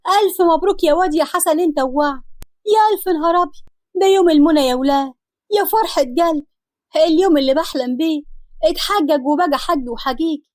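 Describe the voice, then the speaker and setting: A woman voicing an older matriarch aunt, loud and exuberant. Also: sits high, fast talker, no echo, pitched above the performer's own voice, lightly acted. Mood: overjoyed. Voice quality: loud, ululating joy.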